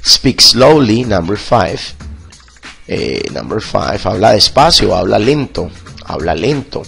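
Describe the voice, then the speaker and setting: A male teacher with a low, gravelly voice leads a bilingual vocabulary lesson at an unhurried pace. He says each classroom phrase slowly and repeats it before translating. Faint music plays behind him. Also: very animated. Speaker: English teacher.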